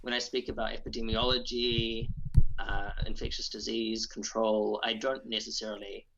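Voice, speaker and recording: A New man answers interview questions with care and many fillers. His voice sounds bright and sharp, but it comes through a dull, muffled video call. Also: on the low side, little pitch movement, slight background noise. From New Zealand. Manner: careful, measured explaining with many fillers. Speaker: guest geneticist.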